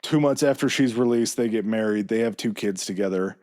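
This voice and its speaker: A man hosting a podcast, telling a story in a relaxed, chatty way with fillers and asides. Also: on the low side, fairly quick. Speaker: podcast host. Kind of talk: casual chat.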